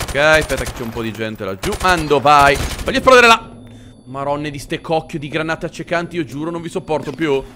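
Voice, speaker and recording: A man, giving excitable, jokey let's-play commentary as he plays a war game. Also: fairly high pitch, fairly quick, hardly any pauses, slight background noise. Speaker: gaming commentator. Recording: game gunfire behind.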